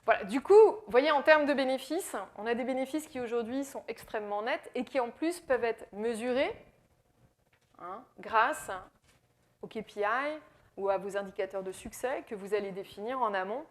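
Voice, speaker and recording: A French woman with a French accent, working as an AI consultant, gives a business presentation in Quebec. Her fairly high voice moves at normal speed as she explains, using frequent fillers and repeated words.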